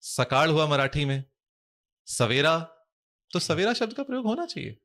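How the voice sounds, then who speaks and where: A man speaking as a guest in a podcast interview, measured and explanatory, using formal, Sanskrit-heavy Hindi. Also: on the high side, very animated, a bit bright. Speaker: guest scholar.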